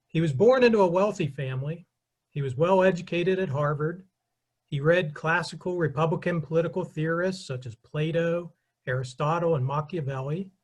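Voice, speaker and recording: A middle-aged man giving a brisk history lecture with slides, addressing the audience directly and explaining clearly. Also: fairly high pitch.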